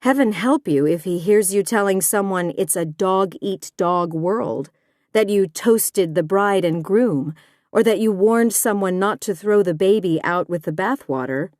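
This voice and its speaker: Woman, scripted nonfiction reading, slow, deliberate, dry close sound. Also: medium pitch, darkish tone, dry recording. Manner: measured, deliberate delivery of examples. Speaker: audiobook narrator.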